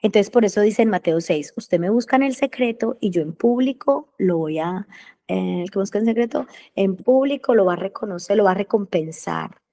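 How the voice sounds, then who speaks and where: An earnest woman preaching a sermon in a mellow, warm tone. She slips into hushed, whispered prayers and then comes back to full voice to press her point. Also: mid-range voice, lively intonation, moderate pace.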